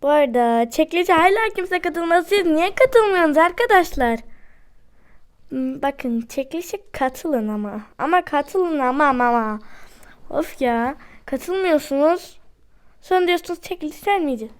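A woman giving chatty, excitable commentary to her viewers while she plays a game at home. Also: high-pitched, moderate pace. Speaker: gaming YouTuber. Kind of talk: casual gameplay commentary.

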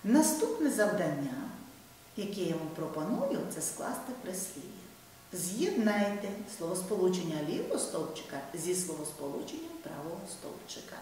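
A woman teaching a first-grade video lesson, dictating slowly and spelling out words syllable by syllable. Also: lowish voice, very animated, dark tone, very echoey, big-room sound, distant mic, a little hiss or hum, poor audio. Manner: slow, clear dictation with careful syllable-by-syllable spelling. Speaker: primary school teacher.

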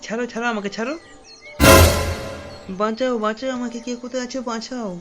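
A man's voice: very high-pitched, steady tone, fast talker, dull audio, loud music behind the voice. A man voicing an indignant young woman. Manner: sharp and indignant. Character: angry young woman fending off a stranger.

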